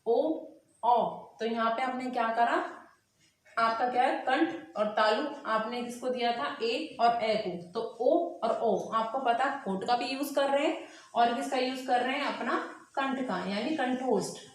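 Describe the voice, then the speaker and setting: A woman teacher giving an exam-prep grammar lesson. She asks her own questions, answers them, and draws vowel sounds out slowly. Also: a little high, steady tone. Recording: echoey room.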